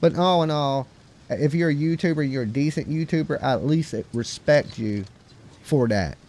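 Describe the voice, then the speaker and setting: A man's voice: fairly high pitch, normal speed, darkish tone. A man with a Southern US hillbilly accent, chatting casually and rambling as the host of a live call-in stream.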